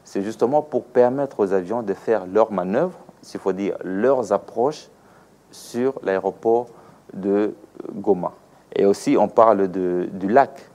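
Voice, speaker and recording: Slow and deliberate, this man's lowish voice has a dark tone. He comes from the Democratic Republic of the Congo, speaks with a Congolese French accent, and answers interview questions about aviation as an expert, teaching through examples and rhetorical questions.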